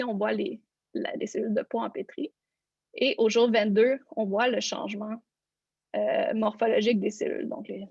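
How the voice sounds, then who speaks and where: A woman gives a lecture online, explaining her slides step by step. Her fairly high voice has a gravelly, breathy edge. The sound is dry and a bit dull, like lo-fi video-call audio. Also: darkish tone, no room sound. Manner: explanatory, walks listeners through slides. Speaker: neuroscience researcher giving a lecture.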